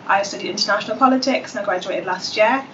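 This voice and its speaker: A young woman in her twenties hosting a webinar as a graduate ambassador, relaxed and dotted with ums. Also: mid-range voice, fast talker. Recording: distant dull webinar audio with faint hiss.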